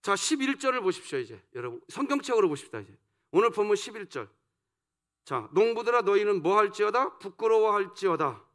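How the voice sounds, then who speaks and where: Pastor, male, high voice; dawn sermon, loud stresses, then soft low asides. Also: very animated, brisk. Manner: rhetorical questions put to the congregation. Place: church sanctuary.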